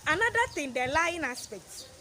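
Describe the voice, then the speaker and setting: A woman's voice: high-pitched, very animated, moderate pace, background noise. A woman, a mother, giving earnest advice to other mothers in a casual vlog, repeating her points and acting out what children say. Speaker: parenting advice vlogger, mother.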